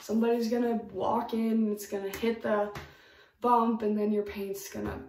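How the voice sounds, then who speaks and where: A chatty young woman talks through her DIY tips in an upbeat, emphatic way. Her voice sits a little high, and the bathroom adds a roomy echo. She sounds slightly off-mic. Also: flat delivery, normal speed, a little mellow, distant mic, a little hiss or hum. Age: young adult. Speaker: DIY vlogger. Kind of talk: casual tips vlog. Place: home bathroom, indoors.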